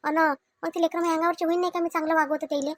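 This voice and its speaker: Cartoon: high, fast, pleading widowed aunt, voiced by a woman, Vidarbha Marathi accent. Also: little pitch movement, no echo. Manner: pleading, self-defending. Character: meek childless widowed aunt, wronged. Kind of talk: cartoon family comedy.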